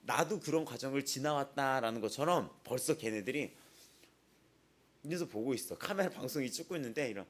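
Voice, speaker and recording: A man preaching at an early-morning prayer service in a chatty, storytelling way. His pitch is mid-range but moves around a lot. He keeps turning to the listeners with questions. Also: expressive, brisk. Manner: chatty, asks the congregation frequent rhetorical questions; retells stories with repetitive, emphatic phrasing. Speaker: pastor. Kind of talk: conversational sermon at a dawn prayer service.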